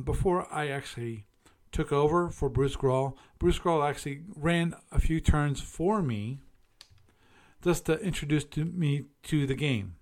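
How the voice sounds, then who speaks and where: A man hosting a casual solo show, musing aloud and correcting himself as he reviews and chats. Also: fairly high pitch. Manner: musing, self-correcting, chatty. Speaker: podcast host.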